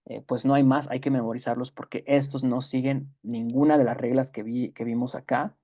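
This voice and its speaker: Gravelly man teaching English. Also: medium pitch, fairly even intonation, dull audio. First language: Spanish. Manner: explains patiently, repeats example words slowly; many fillers and self-corrections. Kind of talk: online grammar lesson.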